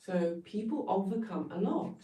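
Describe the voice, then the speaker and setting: A wellness coach from Poland, with a Polish accent, speaks at a moderate pace in a mellow, medium-pitched voice with lively intonation. Her live-stream motivational talk is emphatic and blunt, with swearing now and then for emphasis, and the sound is roomy and distant from the mic.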